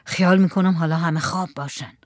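A woman's voice: fairly low pitch, fairly even intonation, no echo, clean studio sound, close to an everyday voice. A woman voicing a curt, blunt young village man in a storybook reading.

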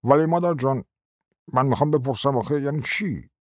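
A man voicing a meek, dim-witted middle-aged husband who asks timid, halting questions in an audiobook reading. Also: medium pitch, darkish tone, no echo, clean studio sound, natural voice. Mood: hesitant.

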